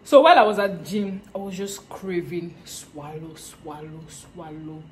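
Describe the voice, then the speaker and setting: A woman's voice: medium pitch, expressive. A woman in her twenties with a Nigerian accent, chatting casually to camera in a playful, talkative vlog. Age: 20s. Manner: chatty, playful, with quick laughs. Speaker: vlogger.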